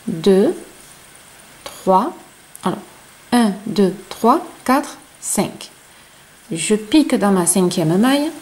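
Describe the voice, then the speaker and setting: A woman with a non-native French accent, teaching crochet step by step and counting stitches aloud in a chatty, soft-spoken way. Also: on the high side, low-quality recording. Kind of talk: slow step-by-step tutorial.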